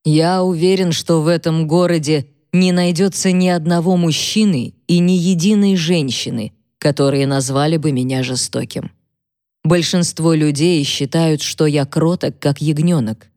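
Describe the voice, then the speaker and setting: A pompous, irritated husband, as a woman narrator puts him on, slow and lordly, talking down with dry sarcasm. Her voice drops low and dark for him. It is a close, dry reading. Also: fairly even intonation, no room sound, lightly acted. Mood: condescending. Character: pompous irritated husband, self-important patriarch.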